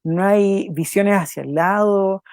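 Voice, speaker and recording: A man's voice: sits high, no echo. A young man hosts a devotional program, talking in an earnest, conversational way and often repeating his points. His voice is recorded close and dry, with no room sound around it. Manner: earnest, repeats phrases, quick asides, laughs now and then. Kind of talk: casual devotional talk and spoken prayer.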